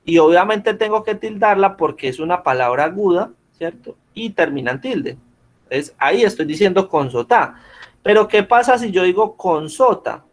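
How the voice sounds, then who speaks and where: A man leads an online class, his voice sitting a little high for a man. He explains each point patiently and keeps asking whether his students follow. The sound comes through a video call. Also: expressive, moderate pace. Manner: patient, checks in with frequent questions. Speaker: teacher.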